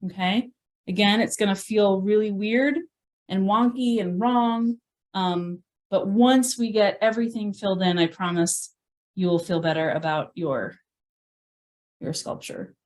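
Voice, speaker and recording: Slow, chatty woman teaching painting. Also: medium pitch, darkish tone. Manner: chatty, self-deprecating, thinks aloud while painting. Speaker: painting instructor. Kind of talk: live virtual painting class. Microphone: video call.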